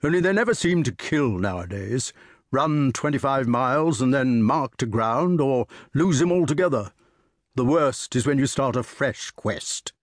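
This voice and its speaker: A man's voice: medium pitch, expressive, unhurried, no room sound, clean studio sound. A man doing a ponderous older knight. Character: slow, solemn older male knight guest.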